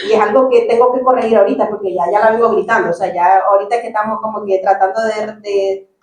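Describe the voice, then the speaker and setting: A woman's voice: medium pitch, fairly even intonation, fast, a little mellow, roomy sound, rough recording. A woman speaking earnestly at a church about correcting children, explaining with many fillers. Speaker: church couple guest. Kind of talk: church parenting talk.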